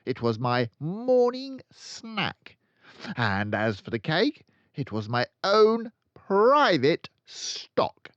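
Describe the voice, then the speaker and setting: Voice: mid-range voice, no room sound, dull audio, pitched above the performer's own voice. A reader voicing a tyrannical giant headmistress who barks and shrieks in a rage, in a storybook reading. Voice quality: shrieking, barking.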